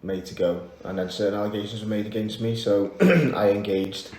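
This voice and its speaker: Low mellow merseyside guy, relaxed, candid, lots of ums, roomy echo. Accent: Merseyside English. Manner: relaxed and candid, with pauses and fillers. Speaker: interview guest. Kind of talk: casual interview chat. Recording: echoey room.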